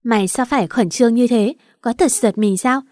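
A woman voicing a sharp-tongued older mother-in-law who scolds and accuses in a quarrelsome way, in an audio story. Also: on the high side, normal speed, no room sound, clean studio sound, close to an everyday voice. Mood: scolding.

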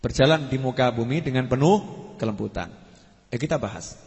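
A man giving an Islamic study sermon. He repeats and stretches key words, and his phrases often trail off low. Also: lively intonation, a little fast, a little mellow. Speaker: preacher. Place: mosque study hall. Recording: long hall reverb.

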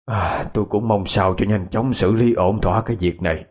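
A man voicing a grave older father who speaks in a measured, reassuring way, with a Southern Vietnamese accent. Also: on the low side, fairly even intonation, darkish tone, close to an everyday voice. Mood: worried.

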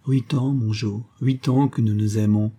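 A man voicing a devoted husband who speaks ardently and tenderly, in a gently pleading way. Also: lowish voice, steady tone, unhurried, husky. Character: devoted, anxious husband deeply in love.

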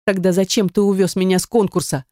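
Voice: mid-range voice, moderate pace, a little mellow, no echo, studio quality, voice pushed up, natural voice. An audiobook narrator voicing a defiant, indignant young woman in dialogue, with protesting exclamations.

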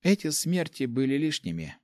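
A man reading a gentle young woman in a fantasy audiobook. She speaks softly and evenly and explains things patiently. The sound is dry and close. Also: medium pitch, very animated, normal speed, no echo, voice pushed up, natural voice. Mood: calm.

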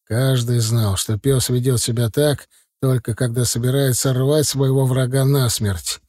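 Male audiobook narrator, mid pitch, dry close sound, steady even reading. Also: measured pace, no echo. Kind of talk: first-person audiobook narration.

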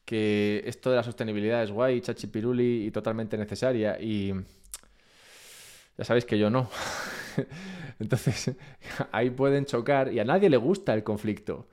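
A man from Spain with a Spain Spanish accent, chatting casually and rambling to his live-stream chat from home. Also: mid-range voice. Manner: relaxed, rambling, self-mocking.

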